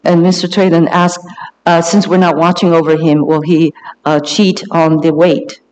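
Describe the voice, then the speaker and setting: A man working as a live interpreter, translating a sermon on the spot in short bursts, halting with fillers and self-corrections. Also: fairly high pitch, little pitch movement, a little mellow. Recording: long reverb of a large hall.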